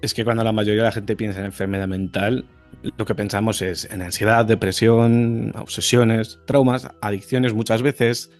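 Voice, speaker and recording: Lower-pitched Spanish male psychologist guest. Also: flat delivery, normal speed, darkish tone, faint music behind. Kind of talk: casual explanatory interview talk.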